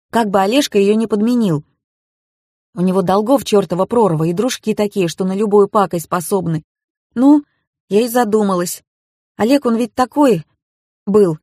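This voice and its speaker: A woman reading an audiobook, voicing a naive, easily confused young woman who squeaks out anxious questions. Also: dark tone, no echo, studio quality, lightly acted.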